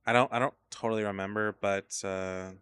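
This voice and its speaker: A man talks through his gameplay in loose, wandering commentary, with plenty of casual swearing. His voice has a bright, forward edge, and he sounds tired. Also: fairly low pitch, fairly even intonation, brisk, clear, resonant tone, no room sound. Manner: rambling, profane, drowsy asides. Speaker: game streamer.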